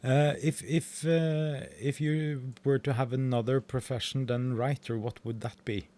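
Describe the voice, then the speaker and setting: A man's voice: mid-range voice, steady tone, a little slow, dark tone. Young norwegian guy interviewing someone, lots of uhs, pretty casual. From Norway. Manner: hesitant, many fillers. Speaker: podcast interviewer.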